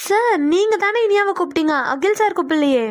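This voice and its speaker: A chatty young office girl in a cartoon, voiced by a woman, easily flustered and quick to protest. Her voice is high and she talks fast. The recording is dry and close. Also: animated, dry recording. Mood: matter-of-fact. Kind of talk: cartoon voice acting.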